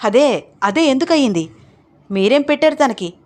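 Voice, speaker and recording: A woman's voice: mid-range voice, steady tone, brisk, a little mellow, natural voice. A woman voicing an angry older woman who scolds and interrogates in a read-aloud audio story. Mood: furious.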